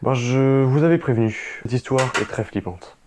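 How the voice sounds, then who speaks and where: A man's voice: mid-range voice, moderate pace, background noise. Young man telling horror stories. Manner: dramatic narration, chatty asides to viewers. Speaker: co-host. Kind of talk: storytelling in a horror video. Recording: music playing behind.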